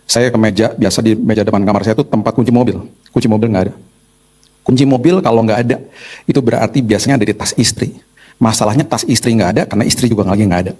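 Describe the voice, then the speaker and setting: Husky guy preaching fast, chatty storytelling sermon. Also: fairly low pitch. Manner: storytelling, animated, conversational. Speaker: pastor.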